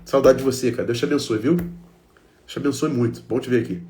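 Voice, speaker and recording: A man's voice: mid-range voice, fast talker, a little mellow. A man with a Brazilian Portuguese accent giving an emotional self-help talk, speaking emphatically to his listeners in short repeated phrases.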